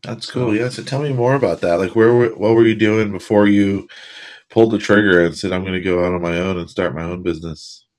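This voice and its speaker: A man's voice: deep voice, steady tone, a little fast. A man hosting a podcast, reading a scripted intro and then asking upbeat, friendly questions. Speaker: podcast host. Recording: intro with faint music behind.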